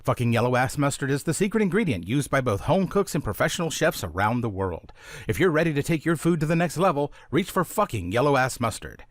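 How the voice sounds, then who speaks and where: A man reading a mock commercial in an earnest ad-pitch manner, with profanity. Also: sing-song, fast, no room sound, studio quality. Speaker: announcer.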